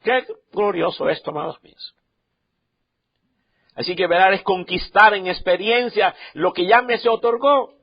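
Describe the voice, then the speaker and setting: A man preaching a sermon with passion, swinging from quiet, low asides to loud, rising declarations. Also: normal speed, vocal fry. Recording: dull lo-fi sound.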